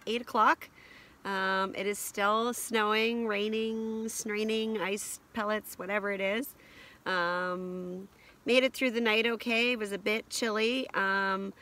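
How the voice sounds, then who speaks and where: A woman in her forties chatting casually to camera from inside a heated canvas tent, relaxed and rambling with lots of ums. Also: mid-range voice. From Canada. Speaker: camping vlogger. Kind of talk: casual vlog chat. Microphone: camera at arm's length and on a stand.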